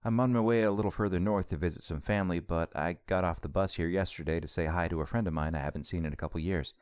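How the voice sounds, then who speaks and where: A man's voice: sits low, quick pace, a little mellow, clean tone, dry recording, studio quality, lightly acted. A man voicing a polite, wary young man who keeps his talk carefully casual and respectful.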